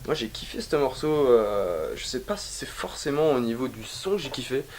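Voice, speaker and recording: A man's voice: medium pitch, expressive, moderate pace, a little mellow, a little hiss or hum. A young adult man vlogging in a casual chatty way, slangy and swearing freely, with joking asides to viewers. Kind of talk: casual vlog talk to camera. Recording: hip hop music playing behind.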